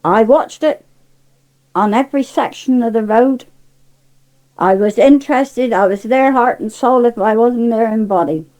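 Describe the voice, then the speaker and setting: Her voice is a little high and slightly mellow, and she speaks unhurriedly. She is an older Cornish woman from Cornwall, England, giving her views as an interviewee with forthright, emphatic indignation.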